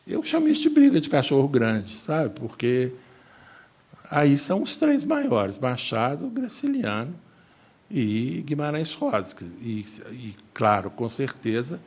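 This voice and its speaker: Husky guy, professor, rambling lively panel talk, dull lo-fi sound. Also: mid-range voice, measured pace. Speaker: literature professor. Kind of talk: panel discussion.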